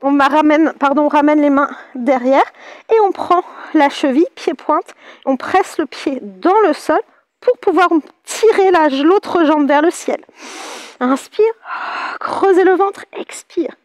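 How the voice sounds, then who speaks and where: A woman's voice: high voice, measured pace, dry recording, studio quality. A French woman with a French accent leading a Pilates class, cheerful and chatty, counting out the reps. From France. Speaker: Pilates instructor. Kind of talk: guided exercise class.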